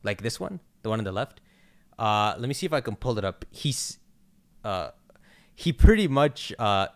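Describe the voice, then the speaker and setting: A young man hosting a casual livestream chat, talking fast and excitedly in slangy fan speculation. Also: lowish voice. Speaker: channel host.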